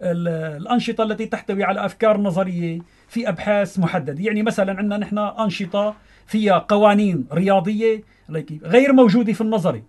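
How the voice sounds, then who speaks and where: Syrian guy, high voice, talks fast, repeats himself to make points in a radio interview. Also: darkish tone. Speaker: mathematics teacher, studio guest. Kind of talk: radio interview, earnest explanation.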